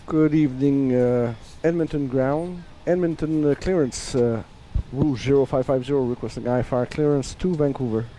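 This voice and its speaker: A man's voice: mid-range voice, moderate pace, few pauses, warm tone, slight background noise. Man making pilot radio calls on a headset. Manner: formal clipped radio phrasing with hesitant uhs, as into a cockpit headset. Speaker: flight sim pilot. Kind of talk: pilot radio calls to air traffic control.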